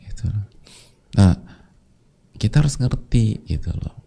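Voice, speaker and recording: A male preacher speaks to his congregation in a low, gravelly voice. His tone is dark and mellow, and he keeps the sermon casual and chatty. He sometimes briefly mimics his listeners' voices. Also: lively intonation, measured pace.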